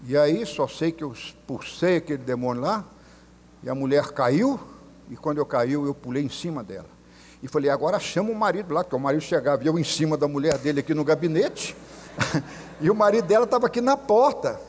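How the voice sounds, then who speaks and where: A man's voice: a little high, animated, a little fast, a little mellow, slight background noise. A man with a Brazilian Portuguese accent, a messianic rabbi preaching a sermon, telling stories and acting out the voices he quotes. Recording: long hall reverb.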